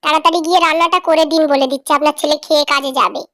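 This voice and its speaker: A woman voicing a spoiled, scolding young daughter-in-law in a cartoon drama, with a shrill, nagging and haughty manner. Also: steady tone, rapid-fire, fairly bright tone, no echo, studio quality. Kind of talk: cartoon voice acting.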